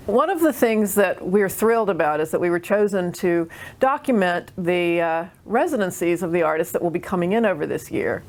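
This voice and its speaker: A woman who runs an arts center speaks in a documentary interview. Her voice sits a little low, and she explains things in a measured, even way.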